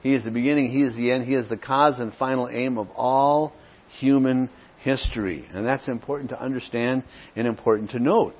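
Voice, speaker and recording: A man's voice: mid-range voice, fairly even intonation, a little fast, dull audio. A man teaching an evening Bible study, reading passages aloud and often checking in with "okay?". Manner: reads Scripture aloud, often asks "okay?". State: clears throat now and then.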